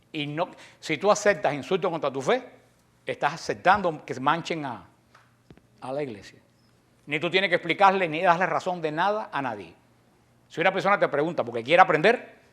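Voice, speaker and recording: A Cuban man with a somewhat high-pitched voice teaches an apologetics class in a Cuban accent. He speaks emphatically, lets key phrases fade off quietly, and acts out quoted exchanges as he tells stories. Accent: Cuban Spanish. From Cuba. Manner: emphatic, slows down and trails off softly at the end of key phrases. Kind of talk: lecture to a class.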